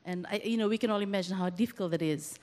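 A woman's voice: medium pitch, very fast, a little mellow. A woman from Fiji, a university lecturer, speaking earnestly into a handheld mic from the audience, with many restarts. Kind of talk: speaking from the floor at a workshop. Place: large semi-open hall with audience. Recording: long hall reverb.

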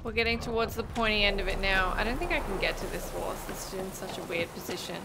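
A woman's voice: mid-range voice, fast, very noisy. A woman in her thirties giving casual live gameplay commentary, chatty and reacting aloud. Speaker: game streamer. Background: game music.

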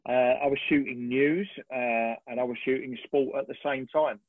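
A man in his fifties, a sports photographer, telling animated stories on a webinar and often clearing his throat. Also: mid-range voice, normal speed, dry recording. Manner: animated, rambling storyteller with frequent throat clearing. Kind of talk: relaxed anecdotal storytelling on a webinar. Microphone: video call. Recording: tinny, dry video-call audio.

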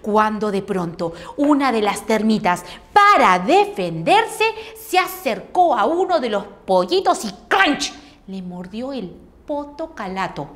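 A woman's voice: on the high side, very animated, slow. A woman telling a children's story playfully, with sound effects.

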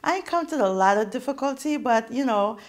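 A woman in her thirties from Haiti, a radio producer, speaking as a guest in a studio TV interview in an earnest, measured way on a lapel mic. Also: fairly high pitch, animated. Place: indoor TV studio set.

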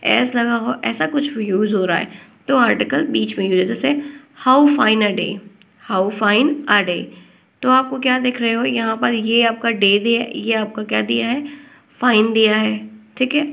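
A woman teacher giving an online grammar lesson, speaking slowly and deliberately because a dry cough leaves her short of breath. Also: fairly high pitch, vocal fry, fairly bright tone.

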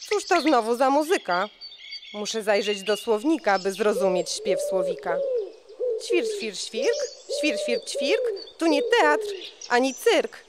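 A woman's voice: on the high side, big pitch swings, measured pace. A woman doing a fussy chirping sparrow. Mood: scolding. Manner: chirping, scolding. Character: fussy grumbling little sparrow. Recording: birdsong noise behind.

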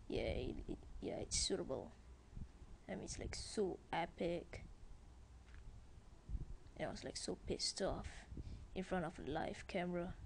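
A woman talks through her game in a casual let's-play style, chatting to viewers as she goes. Her delivery is unhurried, with a gravelly, creaky edge to the voice. A faint hiss of noise sits underneath. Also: fairly low pitch. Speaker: gameplay commentator.

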